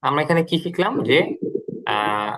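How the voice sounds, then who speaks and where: A man's voice: medium pitch, lively intonation, moderate pace, a bit bright, rough recording. A man teaching an online English class, explaining patiently and repeating drills for students.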